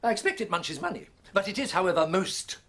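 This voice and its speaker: A man's voice: high voice, sing-song, brisk. A man playing an eccentric, scatterbrained inventor in a children's TV show. He dithers and bursts out with "oh"s as he talks. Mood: delighted, puzzled. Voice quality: flustered and dithering, with constant breathy "oh"s. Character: scatterbrained, excitable male inventor who invents words. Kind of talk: children's TV comedy acting.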